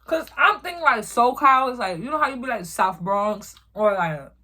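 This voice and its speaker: A woman's voice: fairly high pitch, lively intonation, normal speed, pushed and bright. A young woman, telling a profane, emphatic story in casual chat as she eats. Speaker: vlogger. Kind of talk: casual storytime while eating.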